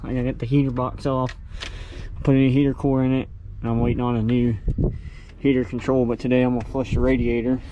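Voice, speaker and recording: Young male farm vlogger, relaxed and rambling, action-cam sound with noisy shop and engine behind. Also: mid-range voice, fast, highs cut off. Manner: relaxed, rambling, talks while working. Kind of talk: casual first-person workshop vlog. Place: outdoors on a farm and in a workshop.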